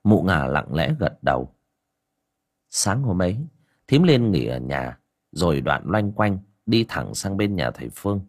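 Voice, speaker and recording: A man narrating an audiobook story in a steady, descriptive storytelling manner. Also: low-pitched, unhurried.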